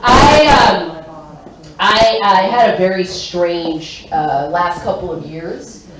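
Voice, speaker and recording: A woman performing a stand-up comedy set, brash and excitable, shouting her punchlines. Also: lowish voice, slow pace. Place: comedy stage in a hotel venue. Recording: echoey room, from a distance.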